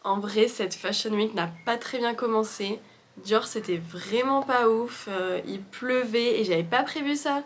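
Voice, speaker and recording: A woman's voice: a little high, a little hiss or hum. Chatty woman vlogger telling a story. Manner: chatty, animated, frequent fillers. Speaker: vlogger and street-style photographer. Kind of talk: casual storytelling voice-over. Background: background music.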